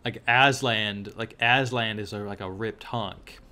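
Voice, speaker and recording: A man's voice: lowish voice, fairly even intonation, unhurried, sharp tone, clean tone. A young man co-hosting a casual podcast chat, with dry sarcastic banter and the odd mock voice for a joke. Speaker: podcast co-host.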